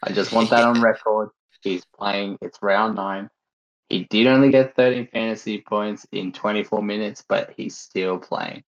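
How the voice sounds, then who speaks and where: An Australian man is a guest on a sports podcast, chatting casually. His voice is fairly low and his delivery is blokey and informal. The recording is a little dull and lo-fi. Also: steady tone, normal speed. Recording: slightly dull, lo-fi audio.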